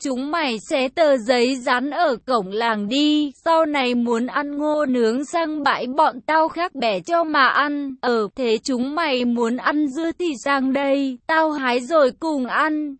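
A woman's voice: high-pitched, takes it slowly, few pauses, no echo. A woman voicing a bossy village boy who talks in an easygoing, bargaining way. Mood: conciliatory.

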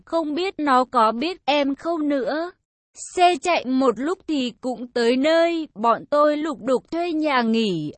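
A woman's voice: high voice, no echo. A woman narrating a first-person story in a casual, conversational way.

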